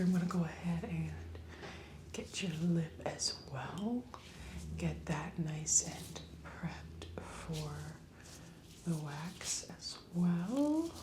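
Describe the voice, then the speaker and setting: A woman whispers close to the mic in an unhurried, soothing ASMR roleplay, playing a friendly spa esthetician. Her voice sits a little low, and a steady hiss runs clearly under it. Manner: soft whisper, slow and soothing, chatty reassurance.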